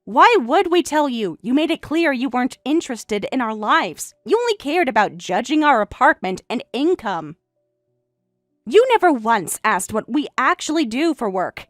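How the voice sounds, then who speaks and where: A composed, quietly defiant young professional bride played by a woman in a family drama story. She speaks in a fairly high, lively voice with pointed, matter-of-fact delivery, recorded dry over faint music. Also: normal speed, no room sound. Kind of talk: acted dialogue in a narrated family drama.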